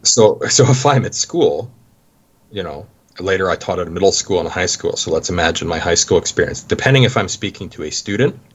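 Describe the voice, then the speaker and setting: A man's voice: deep voice, lively intonation, fairly quick, slightly rough. A Canadian man talking casually about life abroad, rambling with many restarts. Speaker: guest. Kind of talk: casual conversation. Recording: dull lo-fi sound.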